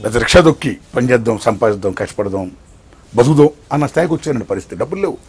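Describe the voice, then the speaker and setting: An older man as an interview guest, telling his life story in an animated way, swinging between loud excitement and hushed tones. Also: medium pitch, racing, husky.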